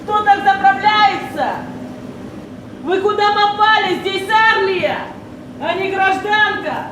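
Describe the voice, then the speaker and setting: A woman's voice: extremely high pitch, takes it slowly. A woman playing a stern, mocking army drill sergeant who barks curt commands in a staged TV segment. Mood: mocking, scolding. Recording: echoey, noisy location sound.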